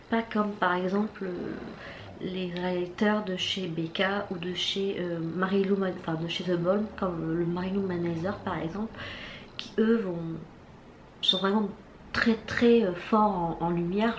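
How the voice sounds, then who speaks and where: A woman casually reviewing her latest makeup purchases, chatty and hesitant, with lots of fillers and restarts. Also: mid-range voice. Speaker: beauty vlogger. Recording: echoey room with faint background noise.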